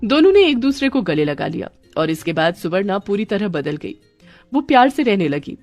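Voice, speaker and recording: A woman's voice: mid-range voice, very animated, normal speed, darkish tone, dry recording, soft background music. A woman narrating a dramatic family story and voicing its characters.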